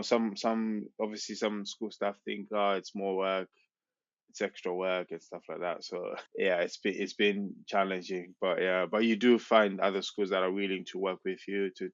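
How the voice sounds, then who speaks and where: A young man with a low-pitched voice appears as a PhD researcher guest on a podcast, explaining his work haltingly with frequent restarts. The recording sounds dull and dry, with no room sound.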